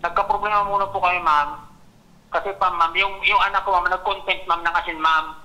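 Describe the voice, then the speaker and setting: Bicol man, fast, bright, tense voice, halting, "ma'am" every phrase, radio interview. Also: high voice, fairly even intonation, rough recording. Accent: Filipino, Bicol region. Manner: hesitant, halting, says "ma'am" after nearly every phrase. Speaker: complainant.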